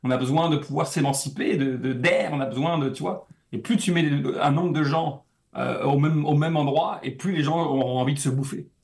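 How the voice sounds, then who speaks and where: Fairly high-pitched and a little mellow, this young man from France talks quickly with few pauses. He's a comedian guest in a relaxed interview, speaking French tinged slightly Québécois, lively and prone to repeating words while he thinks.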